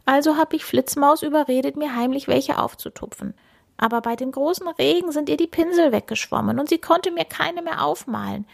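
A woman's voice: sits high, a little fast, gravelly, voice pushed up. A woman voicing a shy young male cheetah who whines and sobs in a children's storybook. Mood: tearful. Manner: whiny, tearful.

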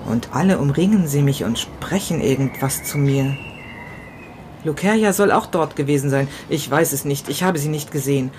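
A woman reading the part of a grief-stricken, tormented man in a first-person literary novella, halting and repeating herself, dropping to whispers and rising in outbursts. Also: deep voice, a little mellow, slight background noise, lightly acted. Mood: grieving, desperate. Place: city balcony, outdoors.

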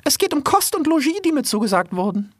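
Eager formal little female mouse played by a woman, high-pitched, courteous audio-drama role. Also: very animated, quick pace, dry recording, clean studio sound. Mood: polite. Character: polite, chatty female mouse surveyor.

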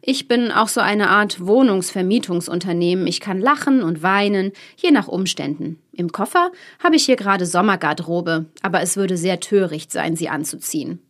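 A woman's voice: fairly low pitch, animated, normal speed, few pauses, fairly bright tone. A woman voicing April, a dapper, fickle male prankster with a teasing, changeable manner, in a storybook reading. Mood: chatty.

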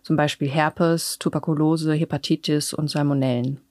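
A woman's voice: sits low, fairly even intonation, moderate pace, darkish tone, dry recording. A woman reading a scripted voice-over translation of an interviewee's answers.

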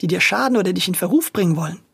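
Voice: mid-range voice, expressive, racing, creaky, husky, no echo, full character voice. A storyteller voicing an experienced, dutiful policewoman who speaks firmly and matter-of-factly in a children's audio story. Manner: firm and matter-of-fact.

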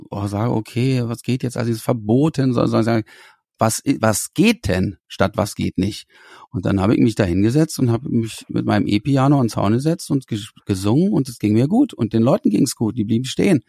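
Gravelly guy talking about his music, lively, keeps restarting sentences, dry sound. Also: medium pitch, fairly quick, dry recording. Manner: animated, searching for words with restarts. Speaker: musician guest. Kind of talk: conversational interview answers.

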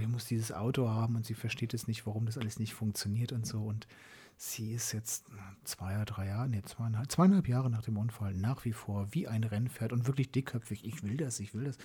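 Man, mid-pitched, mellow and slightly husky, chatty storyteller who quotes other people. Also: fairly quick. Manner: storytelling, quotes his client in lively asides. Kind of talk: casual conversation.

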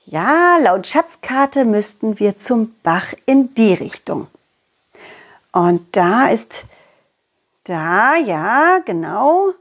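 A woman voicing a cheerful, excitable young male dog who tells an audio story to children in a bouncy, sing-song manner. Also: a little high, very slow, long pauses, exaggerated voice.

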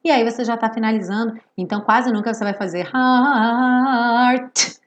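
A woman who speaks Portuguese as her first language, teaching English pronunciation through song lyrics. She draws out each sung phrase and checks in with the learner often. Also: a little high. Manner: slow, drawn-out modelling of English phrases between quick explanations; frequent tag checks like tá and ok.

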